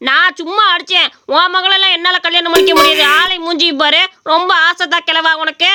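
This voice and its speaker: A woman's voice: very high voice, little pitch movement, fairly quick. A woman voicing a cheeky, cocky young village man who teases others and brags in a cartoon story. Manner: mocking, boastful.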